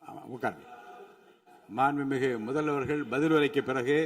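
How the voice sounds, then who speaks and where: A man's voice: mid-range voice, fairly even intonation, normal speed, a little hiss or hum. A man chairing a legislative assembly session, giving brief procedural commands and telling members to sit down. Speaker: assembly speaker. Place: state legislative assembly chamber.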